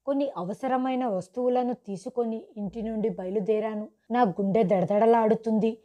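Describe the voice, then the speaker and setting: A woman's voice: on the high side, dark tone. A woman giving a dramatic, suspenseful first-person story narration from a script.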